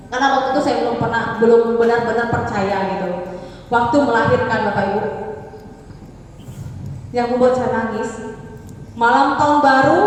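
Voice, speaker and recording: High-voiced woman giving church testimony. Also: far from the mic, slight background noise. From Madura, Indonesia. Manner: animated storytelling, addresses the congregation directly. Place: church hall. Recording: echoey church hall, mic heard from afar.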